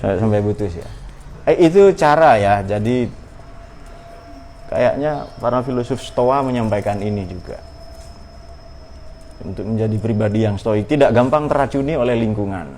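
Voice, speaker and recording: A man's voice: on the low side, moderate pace, long pauses, darkish tone, slight background noise. A man giving an informal religious study talk, conversational and playful, with many rhetorical questions. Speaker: Islamic religious teacher.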